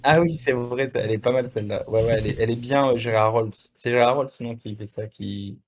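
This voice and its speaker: Talking fast in a mid-range voice, a young adult musician chats as a guest in a casual interview. His speech is laid-back and slangy, full of fillers and false starts.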